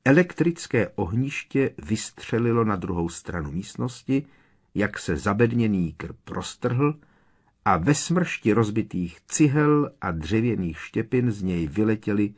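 A man reading a storybook aloud as an audiobook narrator, in a measured, even storytelling manner. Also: on the low side, breathy edge.

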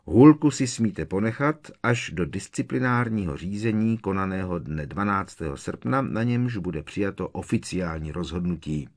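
A man reading a novel aloud as an audiobook narrator, with expressive, measured storytelling. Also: sits low. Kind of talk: scripted narration.

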